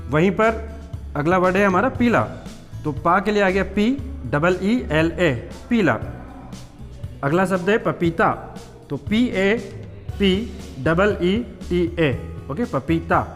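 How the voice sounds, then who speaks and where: A man's voice: high-pitched, long reverb tail. A man teaching a patient, step-by-step spelling lesson, repeating words and checking that students follow. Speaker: English teacher. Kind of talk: classroom-style spelling lesson.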